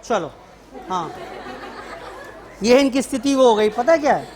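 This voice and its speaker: A male math teacher gives a relaxed, teasing lecture to his class. His voice sits high, and a faint hum of room ambience hangs under it. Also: unhurried, some chatter behind. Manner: casual, joking teacher who calls students beta.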